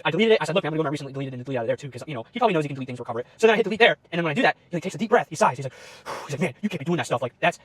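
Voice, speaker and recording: A man's voice: a little high, no room sound. A man in his twenties rambling through a storytime vlog, filled with "like" and acted-out dialogue, recorded on a phone outdoors. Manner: fast, rambling storytelling full of "like" and quoted dialogue. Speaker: YouTuber. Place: outdoors by a road in the heat.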